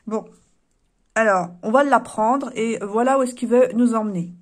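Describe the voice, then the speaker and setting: A woman's voice: fairly high pitch, moderate pace. A woman giving a chatty, opinionated tarot reading to her viewers, thinking aloud as she goes. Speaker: tarot reader.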